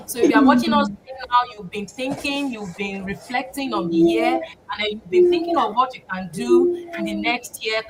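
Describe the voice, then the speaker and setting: A woman from Nigeria, a panelist in a live-stream talk, speaking with an enthusiastic, preachy pitch. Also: background noise. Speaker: panelist, educator.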